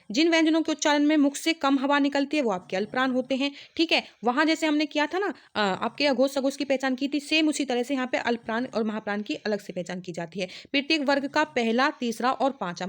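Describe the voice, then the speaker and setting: A young woman teaches an exam-prep lesson in a fairly high voice. She explains patiently, repeating each point and checking in with her students every few words. When she reaches the letters, she spells them out slowly, one by one. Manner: repeats "ठीक है" and "भाई" as constant checks.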